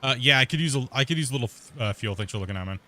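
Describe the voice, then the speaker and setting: A man's voice: medium pitch, expressive, racing, pushed and bright. A man hosting a gaming channel, talking casually and rambling with lots of fillers while he plays a mining game. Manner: rambling and chatty, many fillers and restarts.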